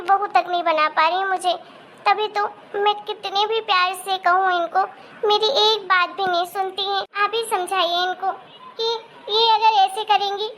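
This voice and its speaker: Woman doing a nasty bossy bahu, sneery two-faced, super high squeaky voice. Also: pushed and bright, slight background noise. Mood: fake sweet. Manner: sneering and bossy, turns sweet and whiny before her husband. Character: cruel scheming young daughter-in-law, two-faced. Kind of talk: amateur Hindi family-drama acting.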